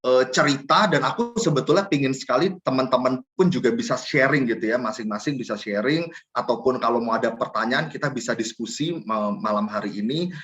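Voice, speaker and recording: A man's voice: mid-range voice, fairly quick, a bit bright, lo-fi sound. A middle-aged man, giving a casual teaching talk with personal stories at a prayer fellowship, chatty and often adding little tag phrases.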